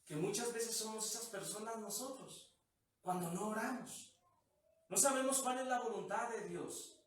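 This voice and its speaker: A man's voice: sits high, moderate pace, a bit bright. A man preaching a chatty online sermon, full of rhetorical questions. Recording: very echoey room, mic at a distance.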